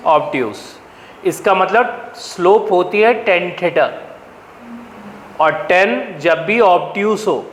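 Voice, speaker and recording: A high-pitched man with an Indian accent lectures a math class, quizzing the students and then supplying the answers himself. His voice rings through a roomy classroom with a long tail of reverb and a faint hum of ambience behind it. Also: fairly bright tone. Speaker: math teacher.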